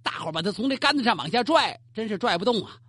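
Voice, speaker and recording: A storyteller telling a historical tale in the traditional Chinese style, lively and colloquial, turning to address the listener. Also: medium pitch, fast talker, breathy edge, dry recording. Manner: animated, colloquial, asides to the listener.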